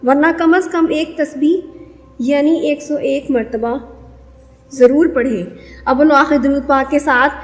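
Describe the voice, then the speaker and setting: A woman giving measured religious instruction, explaining devotional prayers and telling moral stories. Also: high voice. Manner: measured, didactic, repeats prayer counts. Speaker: Islamic devotional speaker. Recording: long reverberant echo.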